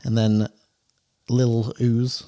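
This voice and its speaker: A man co-hosting a music reaction video, talking in a relaxed, loose way with the odd swear. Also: mid-range voice, takes it slowly. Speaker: music reaction channel co-host. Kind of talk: casual reaction chat.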